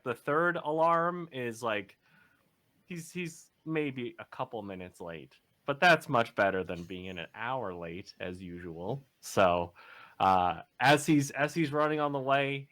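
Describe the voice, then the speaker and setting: Playing a tabletop role-play game, a man with a mid-range, fairly bright voice casually narrates his character's morning, rambling, restarting often and laughing along the way.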